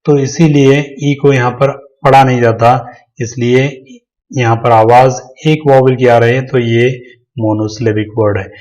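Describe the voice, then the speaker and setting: A man gives a slow, patient lesson, sounding each word out syllable by syllable. His voice stays even and level, with little rise or fall in pitch. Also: low-quality recording. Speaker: English teacher. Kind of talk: explanatory teaching voice-over.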